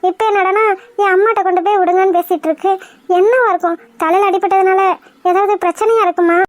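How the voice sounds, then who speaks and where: A woman's voice: extremely high pitch, fairly even intonation, quick pace, no echo. A woman voicing a kind, patient housewife in a cartoon who coaxes and soothes. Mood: wondering. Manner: soothing, coaxing. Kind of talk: cartoon voice acting.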